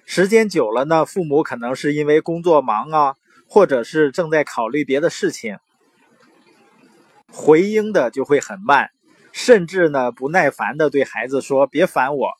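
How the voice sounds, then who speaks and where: A young adult man giving parenting advice in an earnest, conversational manner, with anecdotes and drawn-out particles. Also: on the high side, lively intonation, slightly rough, no room sound. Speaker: parenting commentator. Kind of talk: informal talk with anecdotes and advice.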